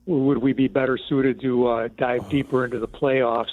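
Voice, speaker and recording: A man's voice: medium pitch, little pitch movement, moderate pace. A man calling in to a sports radio show, asking a question with lots of hesitant fillers. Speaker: caller. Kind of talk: call-in question. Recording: tinny phone line.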